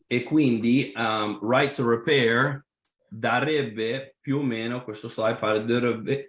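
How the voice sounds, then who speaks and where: Slow, hesitant man in an echoey room. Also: on the low side, fairly bright tone. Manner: halting, many fillers and restarts, slips into English. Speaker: trade association representative. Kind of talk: webinar presentation. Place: online webinar.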